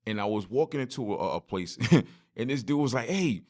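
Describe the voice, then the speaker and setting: A man talks alone into the mic for his podcast. His voice sits a little low, and he tells stories in loose, animated street slang, speaking straight to his listeners. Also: a little fast. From Brooklyn, New York. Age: 40s. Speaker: podcast host. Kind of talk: solo podcast monologue.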